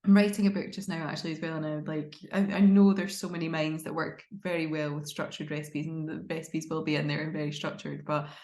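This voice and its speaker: Low-voiced Glaswegian woman, roomy sound. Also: fast, hardly any pauses. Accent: Glaswegian Scottish. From Glasgow, Scotland. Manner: enthusiastic, expressive, chatty. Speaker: chef, interview guest. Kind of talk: casual conversational interview.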